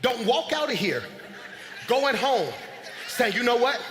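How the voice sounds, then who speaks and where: A man preaching a sermon as pastor, swinging between shouted calls and low confiding asides. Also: very animated, measured pace, noisy background. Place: large church sanctuary. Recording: echoey church hall.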